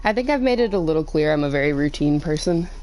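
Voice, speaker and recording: A woman's voice: sits low, animated, quick pace, a little mellow, low-quality recording. A woman streamer, out of breath, ranting casually to her chat on a headset mic and acting out quotes as she tells a story.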